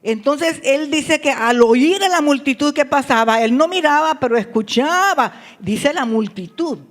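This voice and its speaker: A woman's voice: high voice, animated, unhurried. A woman preacher delivering a sermon, acting out the story and speaking directly to the congregation. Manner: dramatic, acts out scenes, addresses congregation directly.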